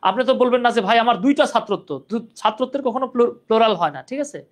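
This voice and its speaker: A man's voice: extremely high pitch, animated, fast. A young man teaching English grammar in a live online class, patiently explaining rules and reading out viewers' comments.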